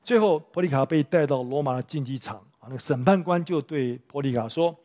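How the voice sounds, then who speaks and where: A pastor preaching a sermon in church, telling a story with rhetorical questions to the congregation. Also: male voice, on the high side, brisk, darkish tone.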